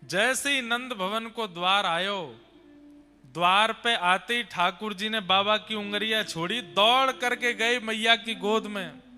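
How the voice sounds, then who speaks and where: Bright-voiced Braj preacher telling a devotional tale. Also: male voice, high-pitched, slow. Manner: animated, conversational storytelling to an audience. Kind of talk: devotional katha storytelling. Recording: long hall reverb with music.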